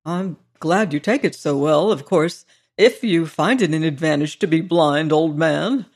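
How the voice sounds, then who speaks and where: A brisk, earnest gentleman detective, a bit stiff and proper, as a male reader voices him in an audiobook. the voice sits slightly high and carries an eager, impulsive push. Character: impulsive, stiff former solicitor turned detective. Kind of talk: audiobook character reading.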